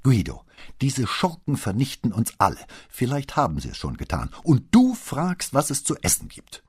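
A man voicing an indignant, sharp-tongued wife. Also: lowish voice, big pitch swings, normal speed, breathy edge, voice pushed up. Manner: exasperated, scolding. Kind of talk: audiobook character voice.

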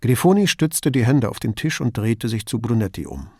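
A man narrating an audiobook in measured storytelling. His mid-range voice moves with a lively lilt. The sound is dry and close to the mic. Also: mid-range voice, dry recording. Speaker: audiobook reader. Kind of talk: scripted narration.

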